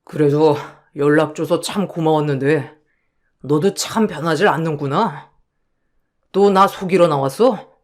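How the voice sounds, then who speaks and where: A man playing a husband in a radio drama, talking quietly and reproachfully. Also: fairly high pitch, unhurried, lightly acted. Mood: bitter. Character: wary, bitter husband confronting an old friend.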